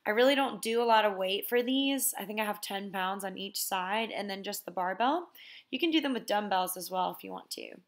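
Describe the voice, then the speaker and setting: A young woman walks the listener through a gym routine in an easygoing, conversational voice-over. She talks in a relaxed, chatty way and keeps explaining each move plainly. Her pitch sits in an ordinary middle range. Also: brisk. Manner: relaxed, chatty instruction with "basically" and "so". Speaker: fitness vlogger. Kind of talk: casual workout walkthrough voice-over.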